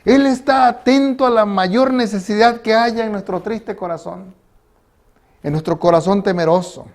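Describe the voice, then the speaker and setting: A pastor delivers his sermon in a noticeably high voice, stopping often to ask his listeners questions. He acts out little quotes as he goes, moving between loud calls and quiet asides. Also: normal speed. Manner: preaching with rhetorical questions and acted quotes.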